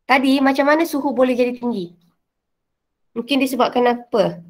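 A woman's voice: sits high, moderate pace. A woman teacher with a Malaysian Malay accent, giving a casual revision lesson with many fillers and English words mixed in.

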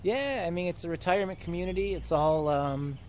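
Young man, casual vlog chat, higher-pitched voice, faint noise behind. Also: lively intonation, fairly quick, darkish tone. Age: young adult. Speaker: stand-up comedian, vlogger. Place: outdoors and in a car. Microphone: phone at arm's length. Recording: background noise on handheld phone.

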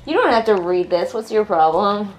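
Expressive and mid-range, this young woman's voice moves at a moderate pace with faint music behind it. She's reviewing a book by reading along on her living room couch, sarcastic and exasperated in a casual way, filmed by a nearby camera.

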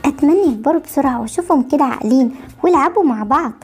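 A woman's voice: high-pitched, animated, rapid-fire, faint music behind. A woman with an Egyptian accent voicing a fretful young mother of twin girls, in an amateur voiced game story. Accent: Egyptian Arabic. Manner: fretful, scolding and soothing by turns.

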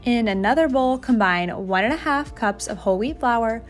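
With a fairly high voice full of lively intonation and a normal speaking speed, a young woman narrates her cooking vlog at home. She's chatty and self-deprecating, and light music runs in the background.

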